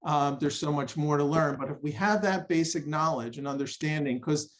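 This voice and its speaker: A man's voice: fairly high pitch, moderate pace. A man hosting a podcast conversation, speaking in an affirming, enthusiastic way. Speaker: podcast host.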